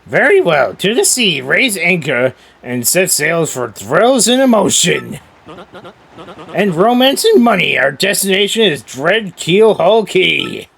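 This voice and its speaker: A man voicing a pompous, excitable merchant ship owner in a video game, grandiose and theatrical. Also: mid-range voice, unhurried, gravelly. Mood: exuberant.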